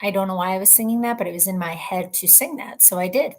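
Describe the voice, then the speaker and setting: A woman's voice: mid-range voice, fast talker, a little mellow. A woman chatting casually on a livestream from her home computer, greeting viewers by name and poking fun at herself. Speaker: livestream host. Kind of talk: casual live-stream chat. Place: at home, indoors. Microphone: computer webcam mic.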